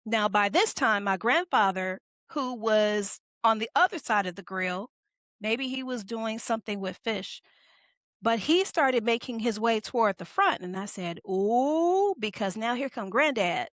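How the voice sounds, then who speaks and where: A woman leadership coach giving an animated, conversational motivational talk, telling a story and speaking directly to her listeners. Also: on the high side, measured pace, dry recording.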